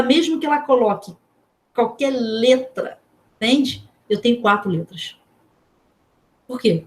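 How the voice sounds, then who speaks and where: Brazilian woman teaching, asking the class questions. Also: fairly high pitch. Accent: Brazilian Portuguese. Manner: explains with questions to the class, checking in with "certo?"; spells out letters slowly. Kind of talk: online class lecture.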